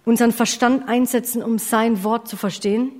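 A woman with a fairly high, steady, slightly mellow voice preaches at a normal speed. Her sermon is direct and earnest; she asks listeners questions, occasionally corrects herself, and says sorry for slips. Long hall reverb surrounds her.

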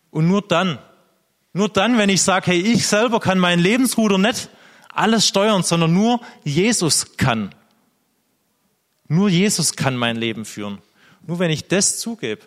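A man's voice: on the high side, a bit bright, long reverb tail. A man preaching a sermon, speaking earnestly and directly to the congregation.

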